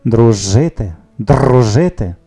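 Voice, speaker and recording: A man voicing a clever, friendly grey parrot with a rattly, crackling voice that repeats words loudly. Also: mid-range voice, lively intonation, slow, gravelly, heavily acted. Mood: excited. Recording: soft music behind the reading.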